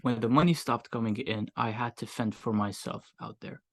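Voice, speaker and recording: A man's voice: medium pitch, normal speed. A young man with a Moroccan accent, telling his own story candidly in an interview in a reflective, casual way. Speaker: guest, agency owner.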